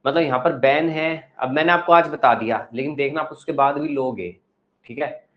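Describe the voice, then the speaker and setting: A man's voice: a little high, normal speed, lo-fi sound. A male teacher lecturing a class, asking the pupils questions and giving advice.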